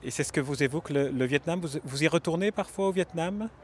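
A man's voice: on the high side, fast talker, husky. A male reporter interviewing people outdoors at a city station, asking questions with frequent small restarts. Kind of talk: field interview.

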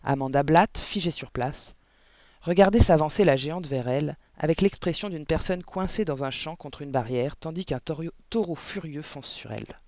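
A man reading a children's novel aloud with lively, dramatic storytelling. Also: fairly high pitch, moderate pace, dry recording. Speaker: audiobook narrator. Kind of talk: expressive audiobook narration.

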